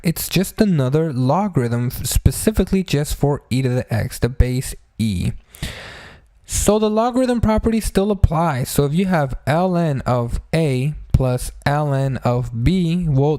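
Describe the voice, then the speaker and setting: A man with a somewhat high, slightly mellow voice teaches math in an informal tutorial, explaining step by step and chatting to listeners as if they were friends. He has a sore throat from a blow to it, so speaking hurts him. The recording has no echo.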